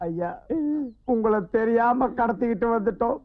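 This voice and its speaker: An actor playing a meek, apologetic kidnapper sidekick in a comic film, speaking in a pleading way. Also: male voice, very high-pitched, moderate pace. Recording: dull lo-fi film audio, faint music.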